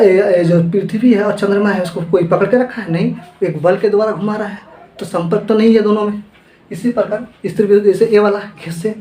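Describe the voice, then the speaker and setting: A man's voice: sits high, warm tone, echoey room, poor audio. A man teaching a physics lesson with homely examples, often checking whether students understand.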